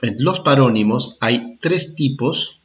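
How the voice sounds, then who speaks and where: The highs are cut off, yet this medium-pitched man sounds expressive as he teaches a primary school lesson for children. He goes slowly, repeats what he says, and checks comprehension with "¿ah?" and "¿de acuerdo?"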